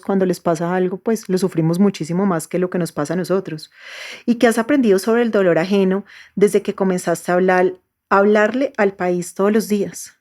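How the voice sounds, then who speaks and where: A woman interviewer asking soft, empathetic questions. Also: fairly low pitch.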